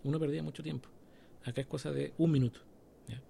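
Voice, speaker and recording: A man's voice: fairly high pitch, steady tone, quick pace, creaky, warm tone, slight background noise. A Chilean man co-hosting a podcast in casual chat, explaining things step by step and checking in with his listeners. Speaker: podcast co-host.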